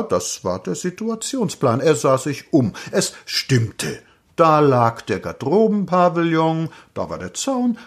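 A man reading a satirical fairy tale as an audiobook narrator, in slow, expressive storytelling. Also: on the high side, slightly rough. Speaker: audiobook reader. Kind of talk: scripted narration.

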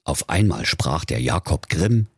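A man with a Saxon accent narrating a comic fairy tale in a slow, playful storytelling manner, into a studio microphone. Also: very deep voice, big pitch swings, husky, dry recording. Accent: Saxon German.

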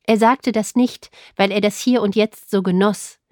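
A young adult woman reading her own short story aloud in a calm, measured, wry manner. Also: mid-range voice, no room sound, studio quality.

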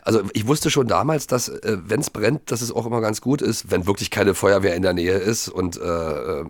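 A man co-hosting a casual podcast chat, retelling a story in an animated way, full of fillers and restarts. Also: lowish voice, moderate pace, no echo, clean studio sound. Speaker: podcast co-host. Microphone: remote recording.

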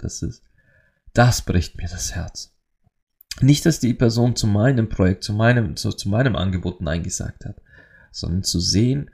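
A man with a very low voice and a gravelly, creaky edge speaks alone on his podcast. He sounds earnest and emotional and often breaks off to restart a phrase. The talk is unscripted and reflective. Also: a little mellow. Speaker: podcast host. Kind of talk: reflective solo podcast monologue.

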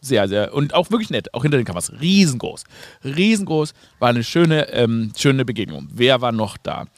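A man's voice: mid-range voice, very animated, normal speed, dry recording. Dry-voiced man rambling ironically. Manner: ironic, rambling, with many fillers and asides. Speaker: podcast host and comedian. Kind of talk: casual comedic monologue.

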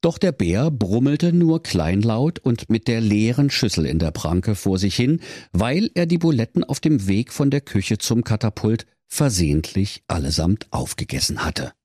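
A man's voice: fairly low pitch, sing-song, moderate pace, darkish tone, slightly rough, no echo, studio quality. A man narrating a comic fairy tale in a mock-solemn storytelling manner. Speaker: podcast host and narrator.

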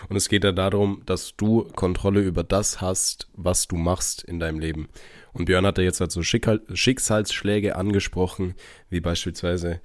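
A man's voice: deep voice, fairly even intonation, normal speed, no echo, studio quality. A man hosting a motivational podcast, speaking directly to the listener in an exhorting way. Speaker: podcast host.

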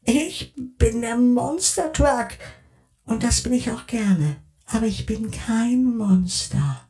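A man voicing a shy, gentle talking monster truck in a bedtime story, with a soft and timid manner. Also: very high-pitched, lively intonation, slow pace, pitched above the performer's own voice, heavily acted.

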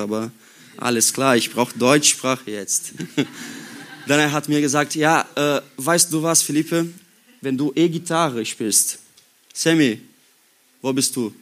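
A young man from Brazil with a Brazilian accent, preaching a sermon at a youth retreat in slow, halting German. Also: medium pitch. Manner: slow, halting German with non-native grammar. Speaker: youth pastor. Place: worship room before a youth audience.

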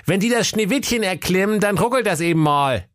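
A whiny, dim fairy-tale brother. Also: male voice, expressive, fairly quick, no room sound, clean studio sound. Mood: flustered, whiny. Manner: high, whiny, fussy. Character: dim-witted, easygoing fairy-tale brother, middle-aged man. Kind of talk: comic radio fairy-tale acting.

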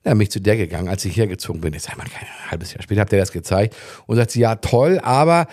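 A middle-aged man chatting casually on a podcast, telling lively stories and acting out other people in quotes. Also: low voice, racing. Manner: animated anecdotes, voices others in quotes. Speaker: podcast guest. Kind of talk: casual storytelling chat.

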